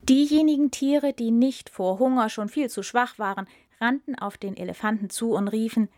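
Female storyteller; calm, expressive narration, dry and close. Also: on the high side, moderate pace, no echo.

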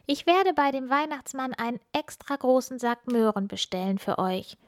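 A woman voicing a bright, eager young girl who is a star child in a children's Christmas story, speaking high and heartfelt. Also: animated, normal speed, no echo, clean studio sound. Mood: grateful.

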